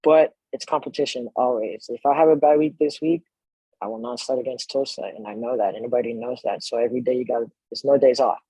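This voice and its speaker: Husky-voiced French-born man, relaxed chat. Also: mid-range voice, fast talker, dry recording, low-quality recording. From France. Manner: relaxed, chatty, laughs easily. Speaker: professional soccer player, guest. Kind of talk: casual podcast interview.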